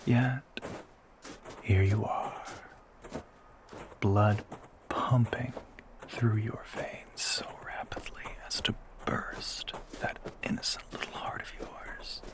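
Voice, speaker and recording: Smugly teasing, a man at a fairly low pitch plays an ancient vampire disguised as a human boyfriend in an audio roleplay. He drawls and often slips toward a whisper.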